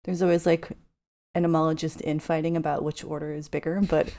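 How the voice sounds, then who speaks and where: A woman's voice: low-pitched, level tone, a little fast, creaky, warm tone. A woman guest on a casual podcast, an entomologist who explains insects in plain, knowledgeable terms.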